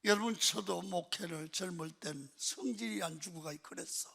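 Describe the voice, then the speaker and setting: An older male pastor preaches in a lively storytelling sermon, jumping between loud outbursts and hushed asides. His voice is husky with a gravelly edge and sits fairly high for a man. A long reverb from the large sanctuary trails after his words. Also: normal speed. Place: large prayer-retreat sanctuary. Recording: reverberant church hall.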